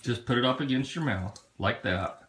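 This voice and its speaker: A woman with an extremely deep voice prompts and teases in casual talk. It is a handheld home phone recording with faint noise and clicks. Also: moderate pace. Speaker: person filming and prompting. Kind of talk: casual chat. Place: small bedroom.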